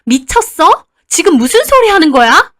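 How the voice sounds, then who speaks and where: A woman's voice: very high voice, very animated, very fast, voice pushed up. A woman voicing a defensive middle-aged aunt who snaps back with petulant complaints. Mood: shocked anger.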